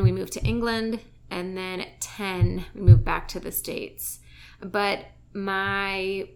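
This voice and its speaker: A woman's voice: lowish voice, gravelly, slight background noise. A woman from Barbados, a guest speaking candidly and chattily in a casual conversation.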